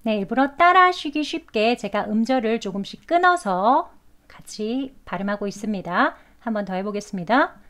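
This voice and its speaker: A Korean-speaking woman teaching English pronunciation, breaking long words into syllables and drawing them out slowly. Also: fairly high pitch, expressive, fairly bright tone. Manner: drawn-out, syllable-by-syllable demonstrations. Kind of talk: slow, careful pronunciation lesson.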